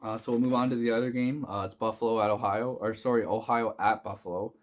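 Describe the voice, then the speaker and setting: Man, low-pitched, casual betting picks talk, rambling, swears a lot, hiccuping. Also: steady tone, fast talker. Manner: rambling, profane, many fillers and restarts. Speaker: sports betting picks host.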